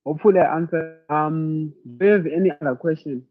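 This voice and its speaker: A man from Zimbabwe answering questions in an online masterclass, thoughtful and halting, often repeating words as he searches for them. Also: a little high, no room sound, soft background music. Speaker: leadership speaker answering questions. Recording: tinny phone-like audio.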